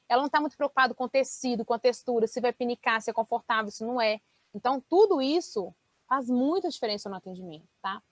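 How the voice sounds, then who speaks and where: A woman mentor giving an online sales training talk, explaining in a lively way and checking in with her listeners often. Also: sits high, no room sound. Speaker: business mentor and speaker.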